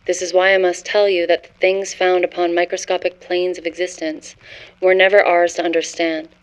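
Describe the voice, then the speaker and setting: A woman's voice: lowish voice, little pitch movement, moderate pace, clean tone, close to an everyday voice, poor audio. A woman narrating a scripted horror story as a haunted scholar, in a grave, literary first-person manner. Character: haunted scholar confessing forbidden cosmic horror discovery.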